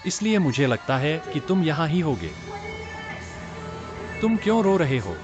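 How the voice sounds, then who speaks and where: A man's voice: fairly high pitch, big pitch swings, measured pace, dull audio, over music. A man dubbing a brash, teasing young man in a TV drama, the friend of the lead. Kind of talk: Hindi dub of a TV drama.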